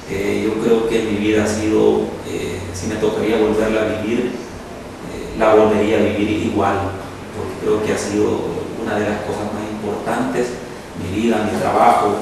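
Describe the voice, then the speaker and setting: A middle-aged man with a Salvadoran accent, a law professor answering interview questions in a measured, methodical way. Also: lowish voice, creaky. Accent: Salvadoran Spanish. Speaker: law professor and university official, interview guest. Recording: echoey room, distant mic, background noise.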